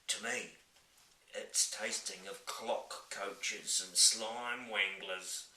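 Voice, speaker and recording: A man voicing a very old, gentle male giant who mangles his grammar and invents words, speaking slowly. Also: fairly low pitch, fairly even intonation, a little hiss or hum, full character voice. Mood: boisterous. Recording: roomy, from a distant mic.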